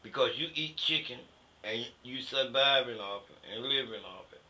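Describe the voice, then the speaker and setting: A man's voice: mid-range voice, normal speed, bright, forceful tone, poor audio. An older American man, a veteran looking back in a conversational interview, speaking bluntly and colloquially with emphatic opinions. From United States. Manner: colloquial, emphatic, punctuated with "you know". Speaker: interviewee, Vietnam War veteran. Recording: faint background noise.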